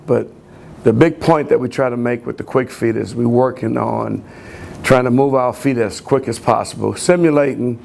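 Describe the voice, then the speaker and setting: Gravelly football coach guy walking through drills, a bit of hiss behind. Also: mid-range voice, normal speed, a little mellow. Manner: plain, repetitive drill explanation with restarts. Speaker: running backs coach. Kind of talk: coaching instruction.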